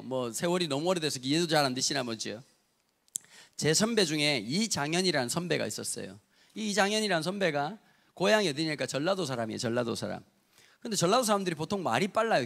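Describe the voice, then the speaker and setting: A male pastor from Busan, in his fifties, preaches with a high voice that leaps up and down. His delivery is that of a humorous storyteller who keeps turning to the congregation, and a gravelly edge runs through his voice. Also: a bit bright. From Busan, South Korea. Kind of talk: sermon.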